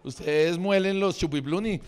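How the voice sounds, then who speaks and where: Against a noisy background, a high-pitched man in his forties speaking Bogotá Spanish works the crowd at a comedy club at a moderate pace. His stand-up is improvised and crude, full of banter with the audience.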